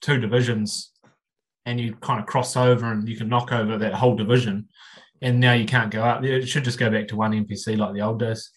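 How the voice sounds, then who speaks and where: A man's voice: lowish voice, flat delivery, a little fast. A man from New Zealand with a New Zealand accent, chatting casually as a guest on a podcast. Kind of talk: casual chat.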